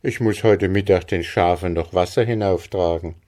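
A man reading the part of a steady, thoughtful young farm lad who speaks earnestly, in a storybook reading. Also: low-pitched, close to an everyday voice. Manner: deliberate, earnest.

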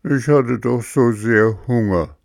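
A man's voice: mid-range voice, slow pace, creaky, no echo, clean studio sound, pitched above the performer's own voice. A man voicing a hungry wooden puppet boy who pleads tearfully, in a storybook reading. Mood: pleading.

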